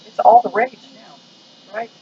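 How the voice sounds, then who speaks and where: A man telling local stories to a tour group in a folksy, conversational, digressive way. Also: measured pace. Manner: folksy, digressive, acts out short quotes. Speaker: ghost tour guide. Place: outdoors on a noisy street. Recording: dull outdoor street recording with traffic noise.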